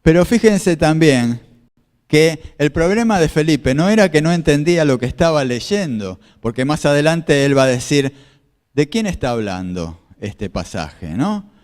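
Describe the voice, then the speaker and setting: An Argentine pastor whose first language is Spanish preaches a slide-supported sermon in a large hall, his fairly high, darkish voice swinging widely in pitch at a measured pace. He explains scripture, repeats phrases, and puts questions to his listeners.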